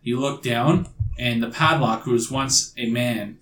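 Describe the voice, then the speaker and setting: A man narrating as game master in a tabletop game, halting and amused as he tells the story. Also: mid-range voice, fairly bright tone, echoey room, low-quality recording. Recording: faint room noise.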